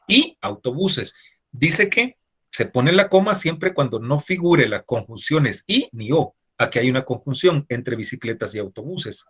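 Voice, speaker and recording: A man's voice: mid-range voice, fairly bright tone, husky. A man teaching an online class, explaining step by step and checking in with his students after nearly every phrase. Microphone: video call.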